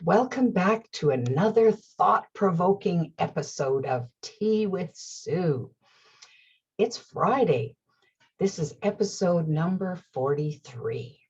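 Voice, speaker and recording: A woman hosting her own talk show, speaking in a slow, gentle and earnest way, with soft laughs and whispered asides. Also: lowish voice, expressive, husky, lo-fi sound. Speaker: host. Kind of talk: reflective talk-show monologue.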